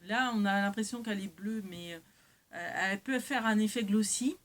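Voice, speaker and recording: A woman of medium pitch and moderate pace shows items to her viewers in a casual craft haul video. She rambles and hesitates, frequently correcting herself as she talks. The recording is clear, though background hiss can be heard.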